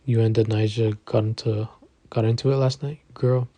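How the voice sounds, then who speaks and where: A man's voice: on the low side, steady tone, moderate pace, dark tone, no room sound, natural voice. A man reading the lines of a blunt, gossipy teenage girl in casual slang for an audiobook. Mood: chatty.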